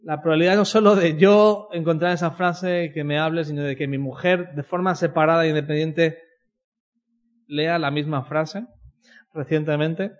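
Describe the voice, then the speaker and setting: A man's voice: a little high, steady tone, moderate pace. A man from telling a personal faith story in a conversational way, often ending his sentences with a questioning "no?". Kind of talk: personal testimony talk.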